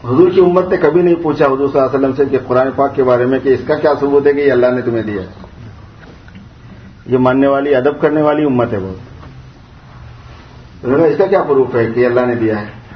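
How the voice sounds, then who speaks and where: A man delivers a storytelling sermon to listeners in a prayer hall. He drops into slow, measured recitation of Arabic verses, explains them in plain talk, and his voice climbs higher when he scolds. The recording is roomy and distant, with a dull, muffled tone. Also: slight background noise. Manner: rises in pitch when scolding. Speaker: preacher.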